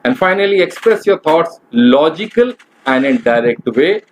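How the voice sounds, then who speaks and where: Higher-voiced man giving a webinar talk. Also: lively intonation, moderate pace, a little hiss or hum, poor audio. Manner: instructive and direct, addressing the audience as guys. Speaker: corporate trainer. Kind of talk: webinar lecture.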